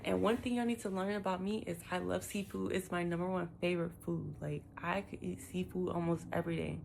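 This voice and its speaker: A woman with a heavily creaky, fry-laden voice talks casually to her vlog audience. She is wearing retainers, so her words come out a little lisped and muffled. Her tone is informal and expressive, with faint noise in the background. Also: fairly low pitch, fairly quick. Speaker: lifestyle vlogger.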